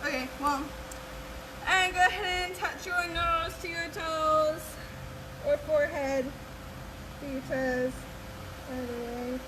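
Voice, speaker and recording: High-voiced woman coaching gymnastics over noise. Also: takes it slowly, long pauses, reverberant. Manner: casual, encouraging, counts aloud. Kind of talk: live-streamed stretching class instruction. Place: gym floor with fans. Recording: noisy live-stream audio with steady background hum.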